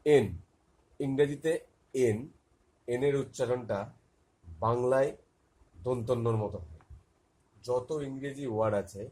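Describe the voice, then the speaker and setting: A man teaching young children, slowly spelling out letters and example words and repeating each one. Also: medium pitch, a little mellow.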